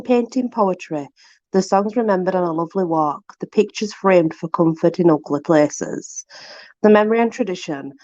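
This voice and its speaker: Reading aloud from a book, a host with a Yorkshire accent chats casually and makes informal, exclamatory remarks to a companion. Her voice is fairly low and darkish in tone. The sound is lo-fi, without echo.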